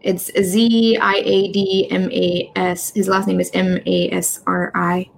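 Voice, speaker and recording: A woman's voice: fairly low pitch, flat delivery, measured pace, gravelly, slight background noise. A woman hosting a casual spiritual conversation over a video call, affirming her guest and searching aloud for references. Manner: affirming, interjects, searches for words.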